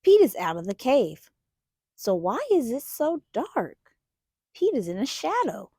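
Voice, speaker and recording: Expressive woman reading to children, high lively pitch. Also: a little slow, slightly rough, dry recording, clean studio sound. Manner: expressive, asks young listeners questions. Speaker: children's storytime host and reader. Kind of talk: children's picture book read-aloud.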